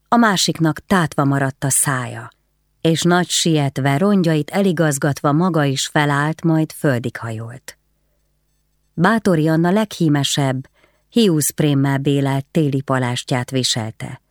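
A woman narrating a historical novel in a measured, descriptive way. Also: sits low, no room sound, studio quality. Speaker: audiobook narrator. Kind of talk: scripted literary narration.

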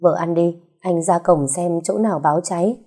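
A woman reading an audio story gives voice to a devoted young husband, speaking gently and reassuringly. His tone is low and mellow, close to the storyteller's own. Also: normal speed, slightly rough. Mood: urgent.

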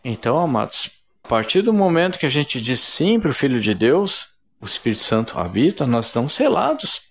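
A man's voice: medium pitch, big pitch swings, fairly quick, husky. A man preaching a sermon in a fervent, emphatic way, often addressing his listeners as brothers.

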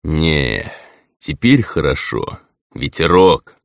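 A man's voice: low-pitched, fairly quick, dry recording, clean studio sound. A man voicing a hot-tempered greedy headman. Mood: sullen. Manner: sulky and explosive. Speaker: village headman.

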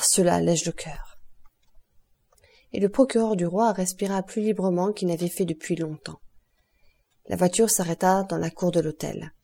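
A woman narrating a classic novel as an audiobook, in a measured, expressive reading. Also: on the low side, slightly rough.

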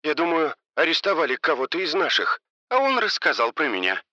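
Man doing a frightened woman, high and lively, bright, pleading, audiobook voice. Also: a little fast, no room sound, highs cut off, heavily acted. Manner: scared, pleading. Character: frightened woman drug courier.

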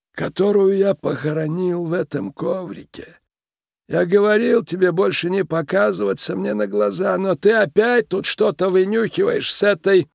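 A man voicing a tiny elderly male shrew crime boss with a creaky, commanding voice, speaking slowly in a storybook reading. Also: high-pitched, no echo, clean studio sound, voice pushed up, heavily acted. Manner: slow, drawn-out menace.

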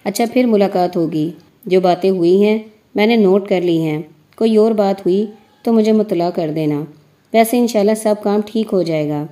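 A woman voicing a smooth-talking male union boss in a story, soothing and evasive. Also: medium pitch, dark tone, lightly acted. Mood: placating.

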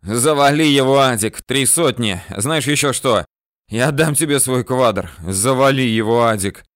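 A man's voice: medium pitch, unhurried, fairly bright tone, no room sound, clean studio sound, close to an everyday voice. A man voicing a wounded bandit chief who screams orders and wheezes vicious curses. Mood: shouting.

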